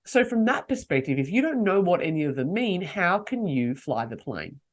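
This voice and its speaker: A woman's voice: fairly low pitch, very animated, moderate pace. A woman hosting a solo podcast, coaching her listeners and asking them rhetorical questions. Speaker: podcast host.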